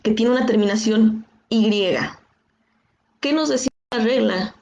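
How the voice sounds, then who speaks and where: Speaking unhurriedly with vocal fry, this woman has a slightly high, somewhat mellow voice carrying a Mexican Spanish accent, recorded in a roomy space. As an English teacher in an online class, she works patiently through grammar and keeps asking "¿sí?" to confirm understanding.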